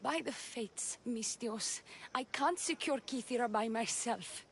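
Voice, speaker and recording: Sly, poised priestess, measured and theatrical. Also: female voice, fairly high pitch, a little hiss or hum. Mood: persuasive. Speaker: game character. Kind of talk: video game voice acting.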